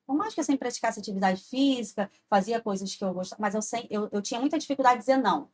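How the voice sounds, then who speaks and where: A woman's voice: a little high, fast talker, darkish tone. A woman, a podcast guest telling an earnest personal faith story and often checking in with "sabe?". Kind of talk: heartfelt personal testimony.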